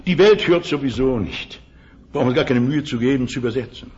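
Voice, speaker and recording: An older man preaching an Easter sermon to a congregation, earnest, asking the listeners questions and slowing down for scripture. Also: mid-range voice, a little mellow. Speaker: pastor. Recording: dull lo-fi old sermon recording.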